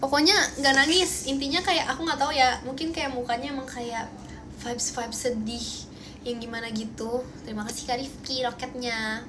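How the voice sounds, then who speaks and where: High-voiced young indonesian girl chatting on a phone stream, bubbly, keeps thanking viewers, faint hum behind. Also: steady tone, moderate pace. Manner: bubbly, thanks viewers for gifts, playful protests. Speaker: idol livestream host. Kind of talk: casual livestream chat. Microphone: phone livestream.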